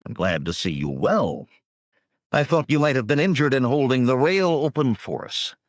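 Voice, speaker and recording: A man voicing a confident male barbarian warrior who speaks calmly with dry mockery. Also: mid-range voice, moderate pace, no echo, voice pushed up.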